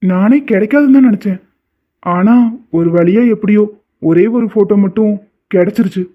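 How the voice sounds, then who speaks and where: A performer voicing a caring, affectionate young husband in a cartoon, speaking gently and soothingly. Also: mid-range voice, moderate pace, lightly acted. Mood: gentle. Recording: tinny phone-like audio.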